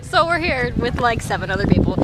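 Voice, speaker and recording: A woman's voice: a little high, expressive, fairly quick. A woman chatting casually and giggling as she hosts a family vlog outdoors. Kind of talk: casual chat. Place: outdoors at a concert event. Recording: very noisy outdoor recording.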